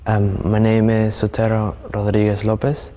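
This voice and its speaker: A man in his twenties from Venezuela, a youth delegate, answering interview questions with hesitant pauses. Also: on the low side, completely flat delivery, dark tone. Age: 20s.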